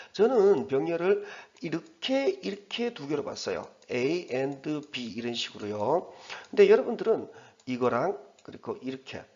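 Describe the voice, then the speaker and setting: A man teaching English, going through an exam passage in a chatty way and reading the English words slowly. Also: medium pitch, creaky, a little mellow, dull audio. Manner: chatty, repeats himself, reads English slowly word by word.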